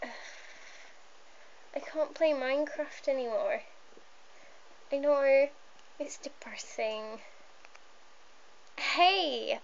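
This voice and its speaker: A woman vlogging into her phone camera, rambling and giggling self-consciously as she keeps getting sidetracked. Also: high voice. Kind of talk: rambling casual vlog. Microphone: phone camera filming close up. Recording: dull lo-fi phone recording.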